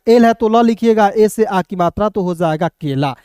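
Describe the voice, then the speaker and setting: A man with a high, smooth, clear voice teaches a beginner's phonics class. He spells out letters one at a time and keeps checking in with "okay, friends". The sound is close and dry. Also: normal speed, mellow, dry recording. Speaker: English teacher. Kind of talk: classroom lesson.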